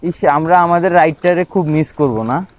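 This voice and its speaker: A man talking gently and playfully with his young nephew during a bike ride outdoors. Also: a little high, normal speed. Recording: dull lo-fi outdoor sound.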